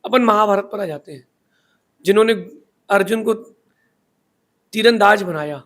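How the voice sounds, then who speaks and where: A man's voice: sits high, normal speed, fairly bright tone. A man giving a sermon in a preachy storytelling manner, asking rhetorical questions as a spiritual teacher.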